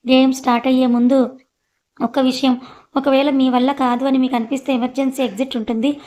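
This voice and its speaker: A woman's voice: high voice, little pitch movement, fairly quick, warm tone, natural voice. A woman voicing a bossy young woman boss. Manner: commanding and scolding. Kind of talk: audiobook story narration.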